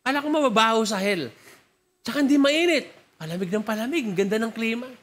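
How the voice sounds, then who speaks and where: A chatty, excitable politician, as a preacher puts him on with a Filipino accent. The voice sits high and rattles along quickly. It has an easy, talkative manner. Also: male voice. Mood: chatty, puzzled. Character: cheerful male politician in the afterlife, chatty.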